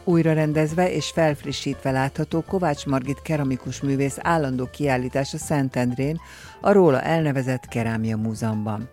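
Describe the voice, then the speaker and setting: A man reading a radio news item in a steady, formal way from a script. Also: medium pitch, soft background music. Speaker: newsreader.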